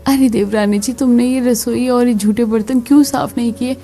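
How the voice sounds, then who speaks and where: A woman voicing a lazy, whiny elder daughter-in-law in a family skit, raising her voice high. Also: fairly even intonation, moderate pace, mellow, soft background music, close to an everyday voice. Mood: complaining. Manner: high, whining.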